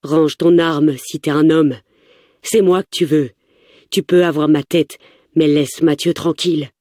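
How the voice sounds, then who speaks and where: A woman voicing a protective man who speaks firmly and deliberately. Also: deep voice, fairly even intonation, warm tone, no echo, clean studio sound. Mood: defiant. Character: tough man, protective and defiant.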